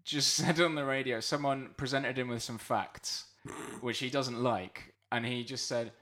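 A man's voice: medium pitch, fairly even intonation, measured pace, sharp tone. A man co-hosting a casual podcast chat, ranting about politics in heated, sweary bursts. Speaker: podcast co-host.

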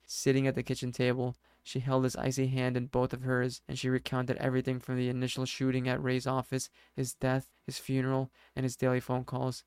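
A man narrating a scripted story in a steady, even reading voice. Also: medium pitch, clear, resonant tone, no echo, clean studio sound.

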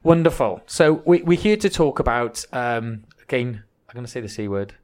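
A man's voice: mid-range voice, animated, normal speed, darkish tone. A man with a Welsh accent hosting a podcast in a chatty, joking way, often restarting his sentences. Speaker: podcast host. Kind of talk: casual podcast chat.

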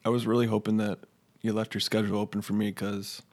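A man's voice: lowish voice, little pitch movement, fast talker, darkish tone. A young adult man co-hosting a casual chat. He is talkative, jokes loosely and laughs easily. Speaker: co-host.

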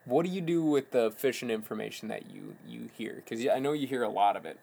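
A man with a Minnesota accent, co-hosting a relaxed fishing chat and laughing easily. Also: medium pitch, fast, creaky. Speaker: podcast host. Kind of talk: casual chat.

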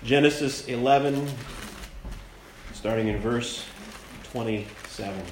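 A man preaching a sermon at a pulpit microphone in a church, plainspoken and conversational, stressing words slowly for emphasis. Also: medium pitch, slight background noise. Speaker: pastor. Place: church sanctuary. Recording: echoey church room.

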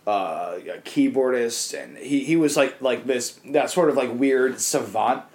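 A man's voice: mid-range voice, unhurried, a little mellow. A young man in casual chat on a podcast, rambling with lots of fillers and swearing freely.

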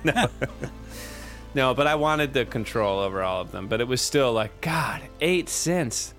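A man's voice: medium pitch, normal speed, soft background music. A man co-hosting a podcast, chatting loosely about recording a song, with plenty of fillers. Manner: relaxed, rambling with fillers. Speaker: podcast co-host, drummer. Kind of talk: casual chat about their record.

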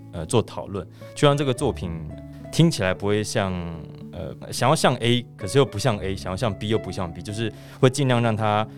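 Soft music plays beneath a Taiwanese man, a voice actor, as he answers interview questions thoughtfully. His low, soothing voice carries a measured, earnest delivery.

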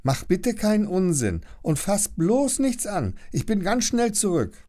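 A man voicing a curious, bold young girl in a children's storybook, with a bright, lively girlish tone. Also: high-pitched, unhurried, pitched above the performer's own voice. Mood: excited. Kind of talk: storybook character voice.

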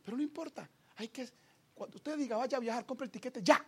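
A man preaching a sermon with passion, repeating phrases for emphasis and swinging from quiet talk to shouting. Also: very high-pitched, brisk, husky.

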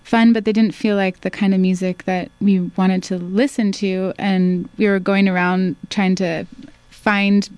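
A woman musician chatting casually as a guest in a radio studio interview, relaxed and talkative. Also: medium pitch, a little slow, hardly any pauses, clear, resonant tone, no echo. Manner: chatty, relaxed, with small laughs and restarts. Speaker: singer and band founder, guest.

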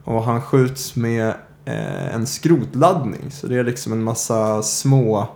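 A man hosting a podcast, telling a true-crime story in a casual way, often pausing on filler sounds. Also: medium pitch, darkish tone. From Sweden. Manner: hesitant, many filler "eh"s. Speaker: podcast host.

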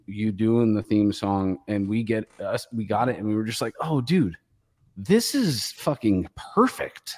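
A man's voice: fairly low pitch, darkish tone. A man co-hosting a casual podcast from an empty house, his voice echoing like a cave as he talks loosely and swears a lot. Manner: loose, swearing, says "dude" often. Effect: cave-like room echo on the voice. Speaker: podcast co-host. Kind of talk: casual podcast chat over a call.

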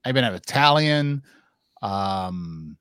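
A man's voice: lowish voice, lively intonation, takes it slowly, a bit bright, no room sound, clean studio sound. A man co-hosting a casual comic sales chat, joking and swearing, trailing off with fillers. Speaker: co-host of a comic sales show.

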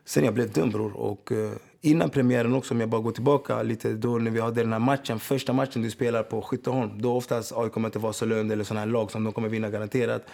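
Speaking with hardly any pauses, a former footballer rattles off streetwise stories in a casual interview, repeatedly saying "förstår du vad jag menar" to check the listener follows. His voice is medium-pitched, creaky and a little mellow, with fairly even intonation.

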